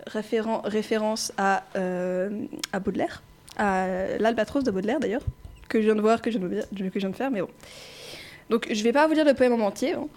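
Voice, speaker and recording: A woman's voice: mid-range voice, a little fast, darkish tone. A young adult woman presents a prepared literature column on a show, reading her script aloud and sometimes tripping over words and restarting.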